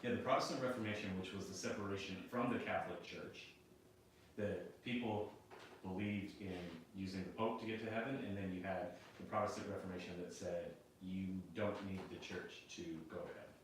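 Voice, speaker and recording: Deep-voiced man explaining at length. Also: steady tone, fairly quick. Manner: explaining, thoughtful. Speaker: podcast co-host. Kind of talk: casual chat. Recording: far-off echoey room, faint noise.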